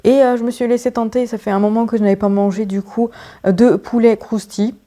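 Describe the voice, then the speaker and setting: A woman's voice: on the high side, level tone, a little fast, mellow. A woman chatting casually at home in a vlog, rambling with many fillers and restarts. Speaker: vlogger.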